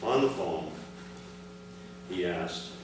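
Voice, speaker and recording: Reading his father's written memoir at a commemoration, a man with a low-pitched, expressive voice addresses the audience in measured, clipped phrases. A distant microphone captures him in a large, echoey room, with clear background noise.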